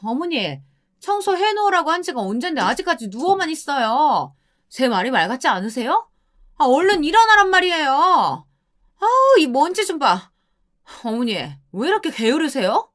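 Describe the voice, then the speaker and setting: A woman's voice: high-pitched, sing-song, normal speed, a bit bright, pitched above the performer's own voice. A woman voicing a bossy young wife who shrilly scolds her mother-in-law. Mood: shrill scolding.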